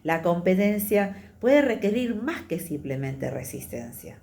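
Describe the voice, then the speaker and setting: A woman's voice: fairly low pitch, sing-song, unhurried, creaky, a little mellow, echoey room. A woman with a Rioplatense Spanish accent giving a conversational testimony sermon in church, confiding and chatty, often checking in with her listeners. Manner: chatty, confiding, often adds tag questions.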